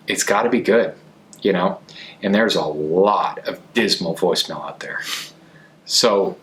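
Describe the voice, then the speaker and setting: A man's voice: lowish voice, a bit bright. A man coaching on sales in a conversational way, as a podcast host, stressing his points by repeating key phrases.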